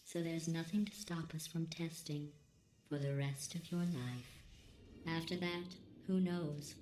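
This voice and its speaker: Brief: low, dry, passive-aggressive machine overseer, robotic filter, echoey game mix with a hum underneath. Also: female voice, measured pace. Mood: deadpan sarcasm. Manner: deadpan, passive-aggressive, insulting in a calm even tone. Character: cold sarcastic female computer overseer of a test lab. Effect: robotic processed voice. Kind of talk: video game dialogue.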